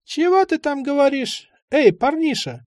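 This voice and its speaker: A man voicing a sly, rambling old male drug addict in an audiobook, with a high, shouting voice and halting, odd phrases. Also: big pitch swings, dry recording, clean studio sound, heavily acted. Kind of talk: audiobook character voice.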